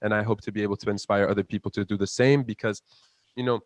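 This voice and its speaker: Young man, twenties, from Palestine, low-pitched, dry close recording, earnest, passionate, repeats words. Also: steady tone, fast, no echo. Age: 20s. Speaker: guest, student entrepreneur. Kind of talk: interview answers.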